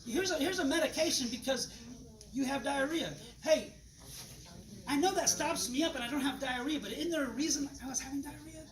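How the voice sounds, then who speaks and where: A man's voice: extremely high pitch, brisk. Male presenter, folksy live-demo patter, acts out dialogues; distant, roomy, noisy capture. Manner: folksy, animated, acts out dialogues with changing voices. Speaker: presenter demonstrating water machines. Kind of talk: live sales demonstration to an audience. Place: room with a live audience. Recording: echoey room, distant mic, loud background noise.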